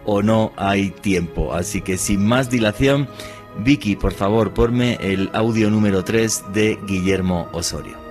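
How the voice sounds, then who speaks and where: Very low voiced guy hosting a mystery show, music playing under him. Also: measured pace, darkish tone. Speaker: radio host.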